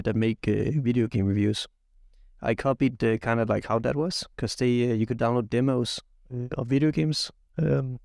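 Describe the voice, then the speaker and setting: A young man raised in Belgium co-hosts a casual tech podcast. His voice has a gravelly edge, and he talks haltingly, full of fillers, yet eagerly. The sound is dry and close-miked. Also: medium pitch, darkish tone, dry recording. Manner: halting, many fillers and restarts, enthusiastic. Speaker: podcast co-host.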